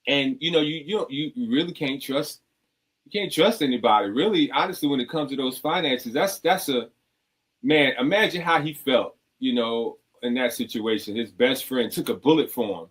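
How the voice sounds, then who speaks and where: A man hosting a radio talk show, chatting casually, telling stories with lively acted-out quotes and giving advice to artists. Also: mid-range voice, moderate pace. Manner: animated storyteller, acts out quotes in a raised voice; preachy, advising artists.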